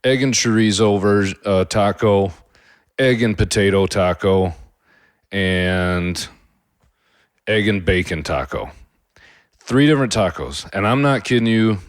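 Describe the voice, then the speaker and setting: A man talks alone into a close mic, hosting his own cooking podcast. His voice sits a little low and he rambles easily, stopping and restarting with many fillers. The sound is dry and close, with no room around it. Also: takes it slowly, pauses often, no echo. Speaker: podcast host. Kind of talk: casual solo podcast talk.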